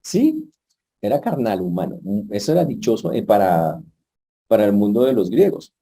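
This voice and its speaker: A man's voice: lowish voice, sing-song, normal speed, gravelly, dark tone. A male pastor, preaching a sermon in a conversational way and putting questions to the congregation. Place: church.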